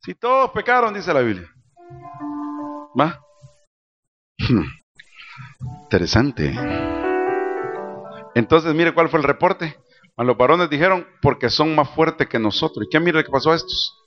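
A man preaching a sermon, calling out to his congregation and swinging between loud cries and soft asides. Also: a little high, sing-song, a little slow, long pauses. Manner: preaching with call-and-response to the congregation. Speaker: pastor. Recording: dull lo-fi church recording with music.

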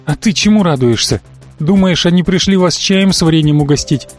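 A man reading the part of a sharp-tongued young female mage in an audiobook, with curt, snappish delivery. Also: fairly high pitch, fairly quick, soft background music, lightly acted. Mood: irritated. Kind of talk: audiobook narration.

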